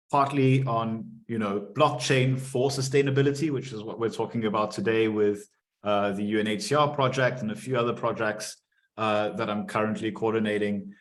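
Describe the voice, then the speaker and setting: A man speaking as a panel guest, relaxed and friendly with some fillers. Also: lowish voice. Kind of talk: casual panel chat.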